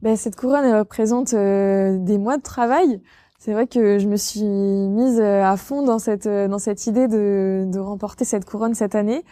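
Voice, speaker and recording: A woman's voice: medium pitch, steady tone, moderate pace, mellow, no echo, studio quality. A young woman from Normandy answering interview questions casually, hesitating with many fillers. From Normandy, France. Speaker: interviewed regional beauty queen.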